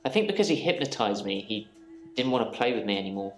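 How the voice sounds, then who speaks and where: A troubled patient haunted by repeating days, speaking in a low, measured, subdued tone. His voice sits in a roomy space, with faint game music underneath. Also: lively intonation. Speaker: interviewed patient in a mystery game. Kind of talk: scripted game dialogue.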